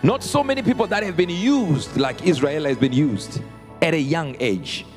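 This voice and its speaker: A man's voice: on the high side, lively intonation, normal speed, crowd noise. A middle-aged man giving a public eulogy, emphatic and repeating his phrases. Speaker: speaker at a funeral. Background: music.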